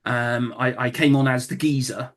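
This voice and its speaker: A man with a London accent, a comedian telling stories in a casual interview, relaxed with many fillers and restarts. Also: medium pitch, normal speed. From England. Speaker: comedian guest.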